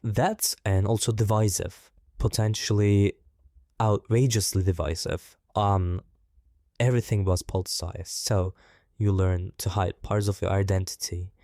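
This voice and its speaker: A man, his voice disguised to sound deep, speaking thoughtfully and in a measured way in an interview. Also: steady tone, warm tone, dry recording, studio quality. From Turkey. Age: 20s. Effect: voice disguised, altered deeper. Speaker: interview guest. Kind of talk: reflective personal interview.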